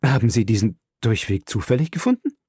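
A man's voice: mid-range voice, animated, normal speed, mellow, no echo, clean studio sound. A man reading the part of an astonished, curious male professor in an audiobook, asking many questions with a wondering tone.

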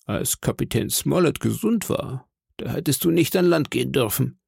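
A man's voice: medium pitch, expressive, normal speed, gravelly, darkish tone, slightly rough, no echo, clean studio sound, voice pushed up, exaggerated voice. A man voicing an earnest, fatherly middle-aged ship's doctor who scolds and urges in an audiobook reading.

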